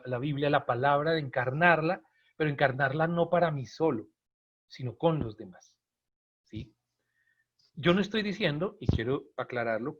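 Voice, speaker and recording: Man giving a lo-fi Bible talk. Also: fairly high pitch. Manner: conversational, often checks in with listeners; acts out quoted lines with sudden emphasis. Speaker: Bible teacher. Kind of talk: informal Bible talk to a group. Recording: dull lo-fi recording.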